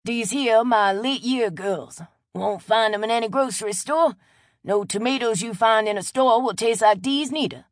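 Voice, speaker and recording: Pitching herself a little higher than her own voice, a woman lightly acts out a friendly old Cajun man in an audiobook. This character, a weathered bait-shop regular, speaks with a folksy Louisiana drawl at normal speed, captured in a dry studio recording.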